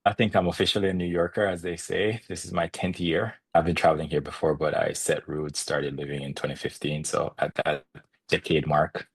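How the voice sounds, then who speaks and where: Jamaican guy, really deep voice, bit husky, chatty fitness guest who laughs a lot. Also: flat delivery, a little fast, dry recording. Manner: reflective, laughs often. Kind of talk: interview, personal story.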